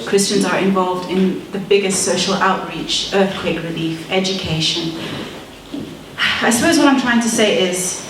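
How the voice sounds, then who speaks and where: A woman's voice: mid-range voice, a little slow, far from the mic, noisy background. A woman in her thirties, from Malawi and raised in Zimbabwe, giving an earnest, persuasive debate speech with wry asides. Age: 30s. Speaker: speaker in a debate. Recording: very echoey hall, speaker away from the mic.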